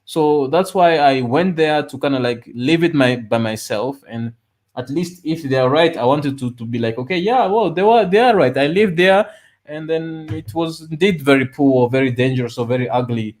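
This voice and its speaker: A man's voice: fairly high pitch, normal speed, darkish tone. A man appearing as a guest on a live show, speaking casually and hesitantly, often restarting his sentences. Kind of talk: casual conversation.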